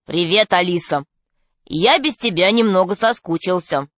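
A woman reading a storybook, voicing a boastful, excitable schoolboy who insists on his story. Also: mid-range voice, moderate pace, dry recording. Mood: eager boasting. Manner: insistent, eager.

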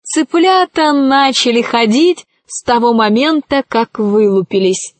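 A woman narrating a storybook in a measured, storytelling manner. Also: on the high side, no echo. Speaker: audiobook narrator. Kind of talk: scripted narration.

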